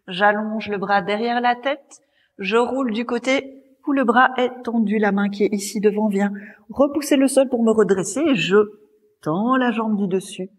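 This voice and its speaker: A woman yoga teacher leading a class, calmly guiding breath and movement in a soft, breathy voice. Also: mid-range voice, in a large hall. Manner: calm, gently guiding, cueing breath and movement. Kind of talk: guided yoga class instruction. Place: yoga studio.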